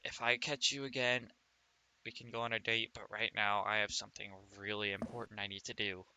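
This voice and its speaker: A man voicing a wary adult traveler in a tabletop game, speaking in a low-key, matter-of-fact way. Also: flat delivery, fairly quick, pushed and bright, rough recording. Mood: guarded.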